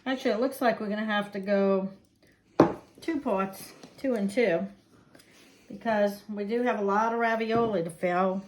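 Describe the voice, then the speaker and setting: Folksy cooking show host, echoey kitchen. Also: female voice, medium pitch, fairly even intonation, moderate pace. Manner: folksy, chatty, narrates each step as she goes. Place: indoor kitchen. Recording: echoey room with faint background noise.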